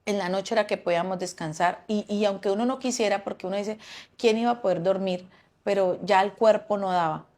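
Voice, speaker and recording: A woman's voice: medium pitch, fairly quick, a little mellow. A woman giving a personal testimony, often stopping and repeating words as she recounts events.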